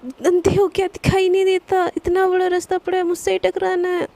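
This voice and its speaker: A woman's voice: extremely high pitch, fairly even intonation, a little slow, dark tone, no room sound. A woman doing Sana, a stammering flustered young woman. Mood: flustered snapping. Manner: stammering, repeating words.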